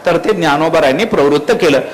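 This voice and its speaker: High-voiced Marathwada kirtan preacher. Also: male voice, fast, poor audio. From Marathwada, India. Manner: rhetorical questions to the crowd; quotes Sanskrit verses. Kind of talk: devotional kirtan discourse.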